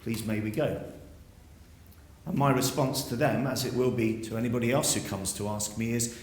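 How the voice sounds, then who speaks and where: Earnest headmaster in an echoey hall. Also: male voice, medium pitch, fairly even intonation, fairly quick. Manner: earnest, persuasive, rhetorical questions. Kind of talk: school assembly speech. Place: school hall.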